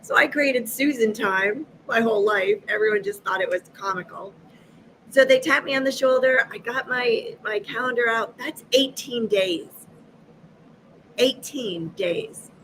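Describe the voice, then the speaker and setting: A woman in her fifties from Massachusetts, a guest on a live video chat, telling stories with lively acted-out dialogue and frequent laughter. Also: fairly high pitch, unhurried, a little hiss or hum, rough recording. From Massachusetts, USA. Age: 50s. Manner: lively, acts out quoted dialogue, laughs often. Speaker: guest, energy healer. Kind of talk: animated storytelling in a live chat.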